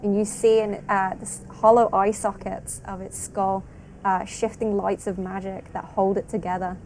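A woman's voice: medium pitch, little pitch movement, a little mellow, a little hiss or hum. Woman narrating a tabletop game. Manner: descriptive, halting with many fillers. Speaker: game master.

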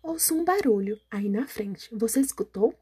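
A woman voicing a big, hungry male forest monster who is easily amazed, in a storybook reading, with a breathy voice. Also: a little high, lively intonation, warm tone. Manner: amazed, slow.

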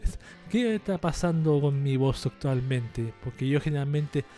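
A man's voice: mid-range voice, lively intonation, unhurried, mellow, soft background music. A man hosting a casual podcast monologue, joking and rambling, using a lighter voice than before. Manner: jokey, rambling, self-mocking. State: trying a lighter, less forced voice. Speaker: podcast host.

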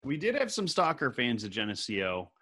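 A man's voice: mid-range voice, normal speed. A man co-hosting a podcast, telling rambling stories in casual chat. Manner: rambling, animated storytelling. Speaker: podcast co-host.

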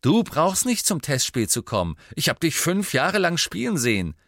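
A man voices a modest teenage team captain in a dismissive mood, pitching above his own voice and acting heavily. The delivery is high-ish and a bit bright with huge pitch swings at normal speed, in clean studio sound with no room noise.

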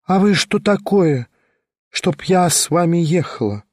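A man's voice: sits high, lively intonation, measured pace, dry recording, clean studio sound, pitched above the performer's own voice. A man reading an audiobook, voicing a half-mad woman who taunts and mocks in a singsong way. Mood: mocking. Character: half-mad woman, shrill, mocking, exalted.

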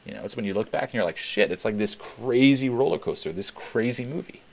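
A young Swiss man hosts a webinar Q&A, speaking briskly and animatedly at a medium pitch with vocal fry. He's candid, swears freely, and repeats points for emphasis in casual talk.

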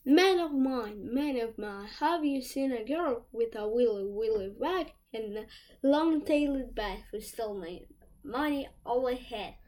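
Sing-song, raised, quiet old witch, put on by a woman storyteller. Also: a little high, lively intonation, unhurried, pitched above the performer's own voice. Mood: wheedling. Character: greedy old female witch hunting a thief.

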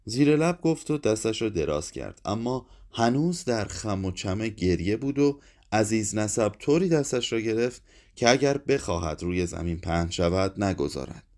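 A man narrating a literary short story in a measured, even reading voice. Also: fairly low pitch. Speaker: audiobook narrator. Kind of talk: scripted narration.

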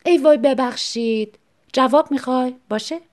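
A woman voicing an upset young wife who speaks in a sharp, sarcastic, raised voice in a story reading. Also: high-pitched, animated, pitched above the performer's own voice.

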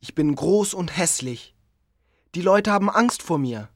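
An actor voicing a lonely, pleading creature in a storybook audio drama, speaking slowly and sorrowfully. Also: medium pitch, animated, dry recording, clean studio sound. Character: lonely, pleading giant creature made by a scientist. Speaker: narrator of his own story.

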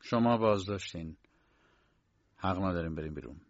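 A man voicing a smug low-ranking guard who talks in a low, hushed, clipped way. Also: animated, creaky, dry recording. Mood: officious. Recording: dull lo-fi dry recording.

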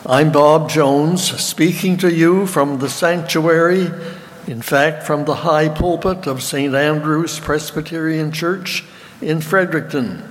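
A man leading a church service from the pulpit in a measured, formal manner, his voice carrying a cathedral-like church echo. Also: a little high. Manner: measured, formal, unhurried delivery. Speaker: minister leading a broadcast service. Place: church sanctuary, from the high pulpit. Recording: long church reverb.

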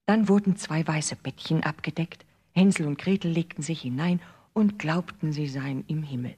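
A woman narrating a fairy tale in a measured, expressive storybook reading. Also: low voice, husky.

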